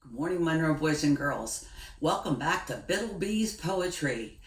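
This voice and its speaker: A woman's voice: deep voice, animated, unhurried. Woman teacher reading poetry to kids, recorded far off in a roomy space. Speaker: elementary school teacher. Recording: roomy, distant classroom sound.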